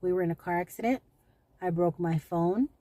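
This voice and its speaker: A woman's voice: fairly low pitch, moderate pace, mellow, no room sound. A middle-aged woman venting in a personal vlog, anxious and rambling, often repeating herself. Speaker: vlogger. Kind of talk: emotional personal vlog rant.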